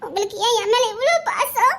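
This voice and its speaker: A woman's voice: very high voice, expressive, brisk, fairly bright tone, heavily acted. A young woman with a Tirunelveli Tamil accent playing a naive, frightened girl who pleads in a teary, hesitant voice. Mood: tearful. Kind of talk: web drama acting.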